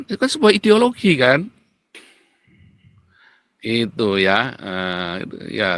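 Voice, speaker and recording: A man preaching a sermon in an animated, boastful and scolding way. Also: mid-range voice. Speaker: pastor.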